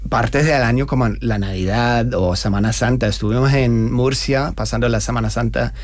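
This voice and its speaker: A man from Australia chats as an interview guest, with a voice of middling pitch. He pauses often and fills gaps as he searches for words, restarting his sentences. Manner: hesitant, many fillers and restarts. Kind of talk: casual interview chat.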